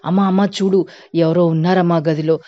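A woman's voice: fairly low pitch, fairly even intonation, brisk, dark tone, natural voice. A woman voicing a frightened schoolgirl who begs her mother, in a storybook tale. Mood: pleading. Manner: pleading, repeating "amma". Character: frightened schoolgirl, pleading and tearful. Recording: dull lo-fi recording.

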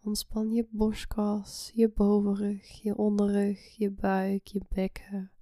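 A woman guiding a relaxation meditation in a soft, soothing, breathy half-whisper. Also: medium pitch, completely flat delivery, takes it slowly, no echo. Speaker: guided meditation host.

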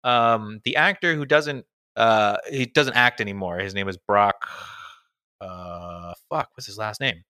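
A man's voice: fairly low pitch, measured pace, sharp tone, dry recording, clean studio sound. A young man casually chatting about a movie as a podcast co-host, laughing often and trailing off mid-sentence. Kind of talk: casual movie review chat.

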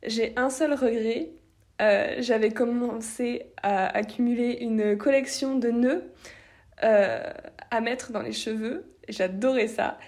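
A woman's voice: on the high side, fairly even intonation, slow, a little mellow. A woman giving a short, casual personal testimony for a podcast.

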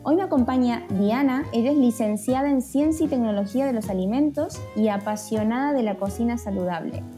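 A woman's voice: fairly high pitch, brisk, warm tone, faint music behind. A woman hosting a podcast, opening with a welcoming, friendly scripted introduction and then asking her guest questions. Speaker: podcast host.

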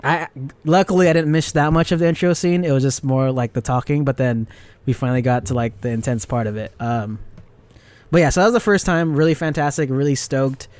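A young man chatting casually, telling an animated story with lots of filler words and frequent laughs. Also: mid-range voice, a little fast, dry recording. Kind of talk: casual chat.

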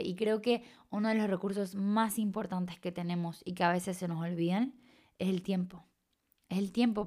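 A young Chilean woman, her accent Chilean Spanish and slightly mixed, hosts a reflective solo podcast as a coach. Her voice is on the low side and a little mellow, and she sometimes stretches words or drops to a whisper for emphasis.

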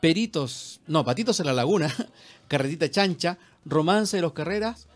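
A man's voice: fairly high pitch, expressive. A man co-hosting a radio show, chatting casually and reading out a list. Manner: reads out lists briskly. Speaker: radio co-host.

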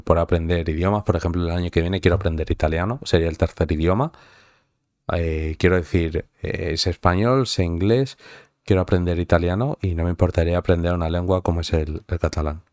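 Recorded in studio quality with no echo, a low-pitched, darkish voice with fairly even intonation comes at a fairly quick pace. It belongs to a young man from Madrid who, in a Madrid Spanish accent, chats casually with viewers, rambling profanely with plenty of fillers and restarts.

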